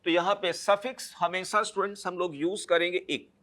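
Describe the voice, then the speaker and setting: A man's voice: high-pitched, fairly even intonation, brisk, fairly bright tone. A man teaching a chemistry lecture, explaining step by step and checking understanding with short tag questions. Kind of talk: classroom lecture.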